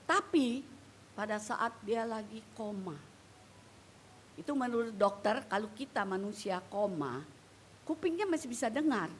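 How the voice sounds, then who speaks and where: An older woman, a retired pastor, giving a slow and earnest personal testimony in a church sermon. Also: a little high, a little hiss or hum.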